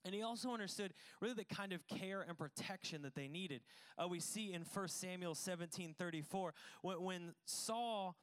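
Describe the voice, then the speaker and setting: Joking and self-deprecating, a pastor gives a conversational sermon before his congregation at a church service. He talks at a moderate pace in a high voice that's clear, resonant, and a bit bright.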